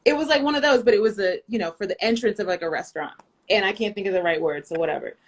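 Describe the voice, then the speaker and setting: An American woman chatting casually, telling a lively story full of fillers and asides. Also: medium pitch, racing, a little hiss or hum. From United States. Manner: animated storyteller, lots of fillers. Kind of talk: casual chat.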